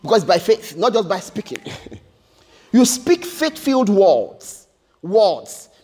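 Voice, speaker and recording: A man's voice: sits high, sing-song, takes it slowly, a little mellow, husky. A man preaching a sermon in an emphatic, repetitive way, often restarting his words.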